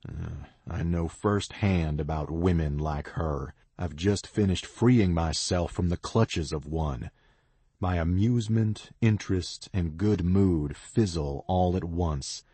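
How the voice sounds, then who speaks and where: A man narrating a romance audiobook in the first person, with slow, expressive reading. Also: low-pitched, slightly rough, no echo.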